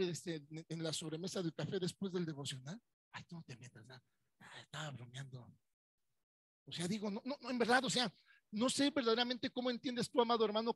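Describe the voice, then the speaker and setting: A pastor with a Mexican accent preaches his Sunday sermon in a conversational tone. His voice sits high for a man and has a husky grain. The sound is dry and close. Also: no echo.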